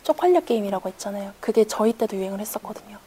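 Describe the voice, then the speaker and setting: A woman interviewee talks quickly and bluntly. Her voice sits at a middling pitch with a dark, mellow tone. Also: lively intonation, slight background noise. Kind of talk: recorded interview storytelling.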